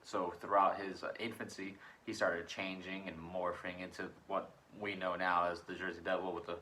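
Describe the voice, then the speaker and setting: Young man, casual co-host, laid-back, low bright voice. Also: level tone, normal speed, slight background noise. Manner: laid-back storyteller, laughs often. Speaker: podcast co-host. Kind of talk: casual chat about cryptids. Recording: faulty microphone audio.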